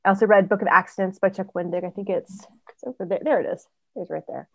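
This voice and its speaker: Woman, podcast guest, animated storyteller, casual chat, mid-pitched voice. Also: vocal fry, no room sound, lo-fi sound. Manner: animated storyteller, quick asides, frequent ums. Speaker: author guest.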